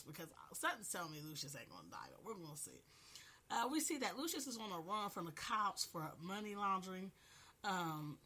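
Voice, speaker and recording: A woman's voice: on the low side, bright, forceful tone. A woman with a cold recapping a TV episode in a casual, chatty way, often saying "you know what I'm saying.". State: has a cold, coughing. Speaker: podcast host reviewing a TV episode.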